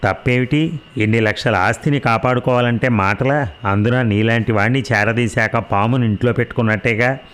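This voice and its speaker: A man's voice: mid-range voice, a little fast, fairly bright tone, clean tone, natural voice. A man voicing a proud, sarcastic rich young wife in a read-aloud story, mocking and defiant. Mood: cold. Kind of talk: audio drama reading.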